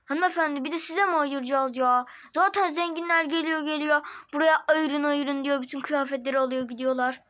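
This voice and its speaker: Rude female shop clerk, high bright voice, curt and scornful, put on by a woman. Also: steady tone, brisk, hardly any pauses. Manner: snappy, dismissive.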